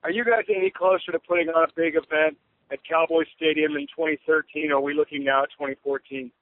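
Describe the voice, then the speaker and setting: A man's voice: a little high, steady tone, quick pace, dry recording. A male reporter putting questions on a speakerphone-like press conference call. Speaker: newspaper reporter. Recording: noisy, dull speakerphone-like phone line.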